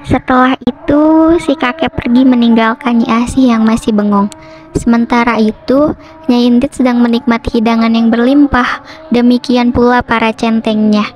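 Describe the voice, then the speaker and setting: A young woman narrating a folk legend in a steady storytelling manner for a school drama. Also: a little high, moderate pace, soft background music. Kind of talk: reading a folk legend aloud.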